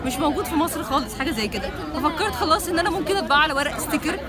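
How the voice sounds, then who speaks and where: A woman's voice: high voice, very fast. A woman with an Egyptian Arabic accent speaking in natural, unscripted talk as a small business owner. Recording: loud crowd in a public space.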